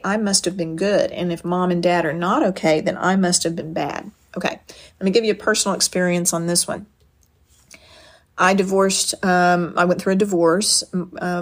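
A middle-aged woman giving an earnest teaching talk on parenting, explaining with personal stories and often restarting her sentences. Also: lowish voice. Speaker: speaker on parenting and boundaries.

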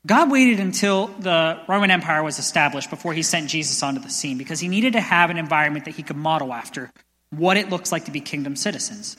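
A young man preaching a sermon as pastor, energetic and building to loud passionate peaks, in a church sanctuary. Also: on the high side, fast. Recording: long church hall reverb.

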